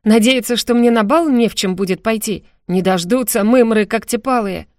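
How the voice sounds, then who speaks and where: A woman reading an audiobook voices a fiery young female student in a shrill, scolding manner. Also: normal speed, no room sound, studio quality, lightly acted. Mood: ranting.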